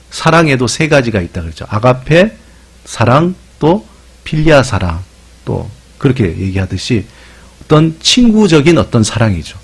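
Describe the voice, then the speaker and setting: Husky-voiced male pastor preaching conversationally. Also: medium pitch. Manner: conversational preaching with lively dialect imitations. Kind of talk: sermon.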